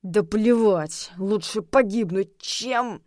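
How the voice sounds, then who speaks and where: A woman's voice: medium pitch, a little mellow, no echo, clean studio sound, lightly acted. A woman reading an audiobook voices a furious, growling young male werewolf who drags out his words. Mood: growling angry. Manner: growling, drawn-out slow delivery.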